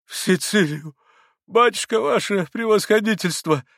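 A man reading aloud and voicing a desperate, pleading poor captain with a high, breaking voice. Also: moderate pace, gravelly, a bit bright, dry recording, clean studio sound, full character voice. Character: desperate poor middle-aged retired army captain.

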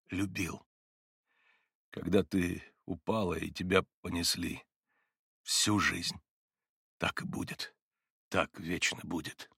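A desperate, feverish young man, read by a man who speaks in halting, breath-catching phrases. The voice sits low and dry, close to the mic. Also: vocal fry, a bit bright, husky, no echo, heavily acted.

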